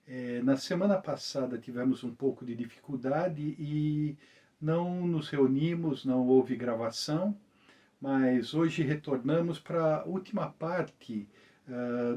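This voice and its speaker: Slow, mellow-voiced man preaching. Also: on the high side. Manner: slow, deliberate reading with hesitant fillers. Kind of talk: Bible study sermon. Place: small group gathering.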